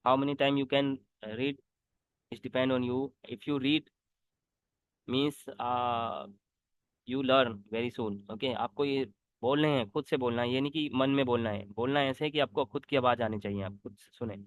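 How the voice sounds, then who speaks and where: Slow man teaching French. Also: mid-range voice, steady tone, clear, resonant tone, no room sound, lo-fi sound. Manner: slow, repetitive teaching, mixing English and Hindi. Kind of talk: online language lesson.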